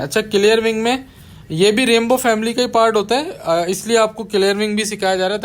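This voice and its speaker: High-voiced man explaining bird breeding. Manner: patient, repeats key terms, casual asides to viewers. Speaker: budgie breeder teaching viewers. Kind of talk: explanatory voice-over over bird footage.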